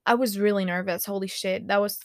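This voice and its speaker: A woman's voice: medium pitch, fairly even intonation, brisk, dry recording, clean studio sound. A young woman hosting a casual solo podcast, giggling and swearing freely as she reads a list aloud and reacts to it. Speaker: podcast host.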